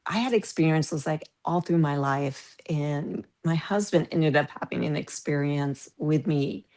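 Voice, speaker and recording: A woman's voice: low voice, measured pace, a little mellow. A woman in her fifties from the American Midwest, a podcast guest telling stories animatedly and laughing through them. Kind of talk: casual storytelling.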